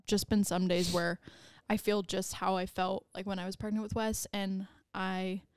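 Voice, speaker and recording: A woman's voice: mid-range voice, level tone, normal speed, clear, resonant tone, no room sound, clean studio sound. A pregnant woman in her twenties co-hosting a casual podcast chat, rambling and giggling with lots of "like"s. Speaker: podcast co-host.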